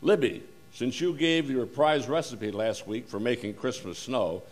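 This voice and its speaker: A man playing a polished 1940s radio announcer who gives a formal, smooth sponsor pitch in old radio style. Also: a little slow, close to an everyday voice. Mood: upbeat.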